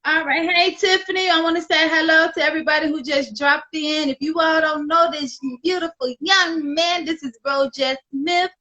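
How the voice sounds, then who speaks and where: Chatty high-voiced woman host. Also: fairly even intonation, moderate pace, hardly any pauses, pushed and bright, dull audio. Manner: chatty, upbeat, laughs often. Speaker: podcast host. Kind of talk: casual live-stream interview.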